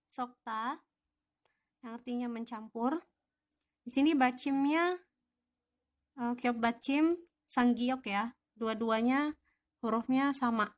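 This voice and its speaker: A young woman teaching an online language lesson, patiently explaining rules and answering her own questions. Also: high-pitched.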